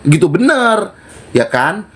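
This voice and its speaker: A man's voice: high voice, big pitch swings, slow, fairly bright tone, husky. Mocking man. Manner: mocking, reenacts quoted lines, repeats himself. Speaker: livestream seller. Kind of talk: gossipy livestream rant.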